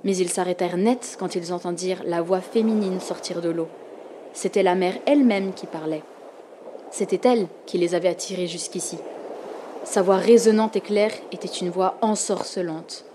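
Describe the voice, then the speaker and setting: A woman narrating a storybook with calm, expressive reading. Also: on the low side, moderate pace, noisy background.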